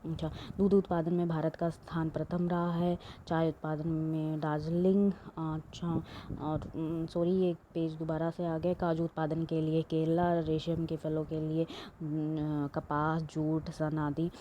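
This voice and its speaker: A woman's voice: deep voice, level tone, unhurried, hardly any pauses, mellow, dull audio, a little hiss or hum. A woman teaching an exam-prep lesson, reading questions aloud and explaining them with many fillers and restarts.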